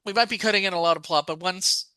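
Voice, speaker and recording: A podcast co-host with a very bright, forceful, high-sitting voice that stays crisp and resonant talks fast and casually. He recaps a story's plot at length, step by step, thinking aloud and restarting as he corrects himself on details, in a close, dry recording with no room sound.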